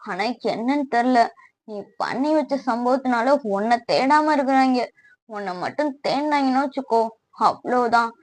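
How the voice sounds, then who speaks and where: A protective young man pleads with his friend to stay safe, as a woman reading a fan story puts him on. The voice sits high and light, with a soft, urging manner that stays close and friendly. It comes across as storytelling rather than full acting. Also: moderate pace, dry recording, close to an everyday voice. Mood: concerned.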